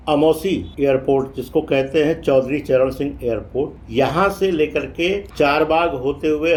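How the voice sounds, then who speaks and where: A man's voice: on the high side, darkish tone, a little hiss or hum. A man giving informative travel vlog commentary, explaining things directly to viewers. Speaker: vlog host. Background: faint metro train ambience.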